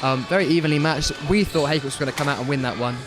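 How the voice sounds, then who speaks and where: A young English man giving upbeat live commentary on a student squash match. He calls the points and adds quick remarks on the play. Music plays loudly behind his voice. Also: fairly high pitch. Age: young adult.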